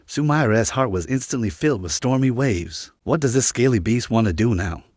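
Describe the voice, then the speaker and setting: A man's voice: mid-range voice, lively intonation, normal speed, darkish tone, dry recording. Man reading a first-person story, mid voice, dry close sound. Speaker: recap narrator.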